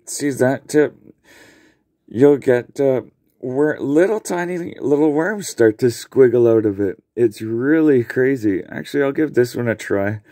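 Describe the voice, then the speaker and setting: A home worm composting vlogger films his own hands on a handheld camera mic in an indoor basement, casually showing off his worm bins. He rambles with lots of ums and self-corrections in a mid-range, mellow voice, going a little slow. The recording is dry, with clean studio sound.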